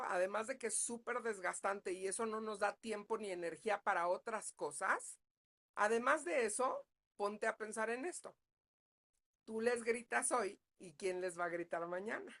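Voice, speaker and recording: A woman's voice: fairly high pitch, a bit bright. A woman psychologist giving a parenting class, talking conversationally and checking in with her listeners often. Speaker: psychologist leading a parenting talk. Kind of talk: live online parenting class.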